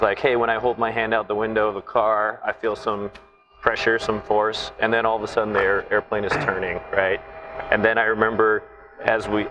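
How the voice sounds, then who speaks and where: In dull audio, a man with a fairly low-pitched voice thoughtfully explains flight testing. He's a naval flight test officer from Taiwan who grew up in Southern California, a guest in an interview conversation who keeps adding "right?" as he explains.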